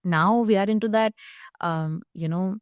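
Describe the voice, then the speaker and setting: A woman's voice: mid-range voice, measured pace, smooth, no echo, clean studio sound. A woman with an Indian accent giving explanatory, conversational interview answers as a psychologist, often tagging phrases with "you know". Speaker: guest psychologist.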